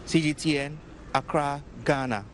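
A man reporting as a news correspondent, reading a formal scripted report in a measured way. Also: fairly high pitch, slight background noise.

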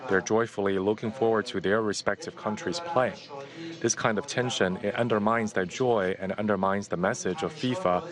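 A male football player answers reflectively in a very deep voice. Crowd noise is clearly heard throughout. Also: steady tone, moderate pace. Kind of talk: interview answer.

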